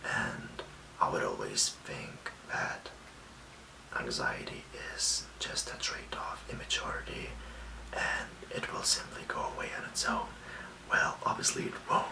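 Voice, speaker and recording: A young man from Lithuania, giving soft, reassuring self-care tips in a whispered ASMR talk. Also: rumbling low, expressive, vocal fry, echoey room, recorded from a distance, rough recording. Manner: soft, slow and gently reassuring. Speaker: ASMR host.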